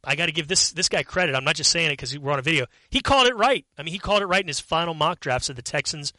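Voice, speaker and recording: A man's voice: a little high, rapid-fire, sharp tone, dry recording. A man co-hosting a casual sports chat, upbeat and chatty. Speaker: co-host.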